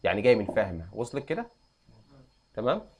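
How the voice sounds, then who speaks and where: A young adult man with an Egyptian accent, teaching an Arabic grammar lesson and quizzing students with quick questions. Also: fairly low pitch, big pitch swings, darkish tone, husky. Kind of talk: classroom lesson.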